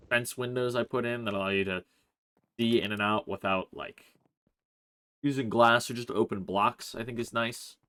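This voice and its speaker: A man hosting a Let's Play, chatting through his gameplay in a relaxed, rambling way, thinking aloud with plenty of "uh" and "like". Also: lowish voice, clean tone. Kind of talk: casual gameplay commentary.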